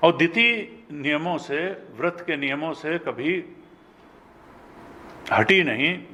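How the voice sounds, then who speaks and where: Slow, higher-pitched older Indian preacher. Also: male voice, expressive, bright, forceful tone, slight background noise. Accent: North Indian Hindi. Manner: storytelling, acting out dialogue with rising pitch. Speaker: spiritual teacher. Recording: long hall reverb.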